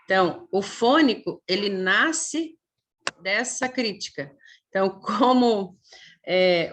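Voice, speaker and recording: Brazilian lady teaching a class online, bright voice, says né a lot, stretches sounds out to show them. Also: mid-range voice. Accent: Brazilian Portuguese. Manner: explanatory, many "né?" tags, stretches sounds slowly to demonstrate. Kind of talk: online lecture.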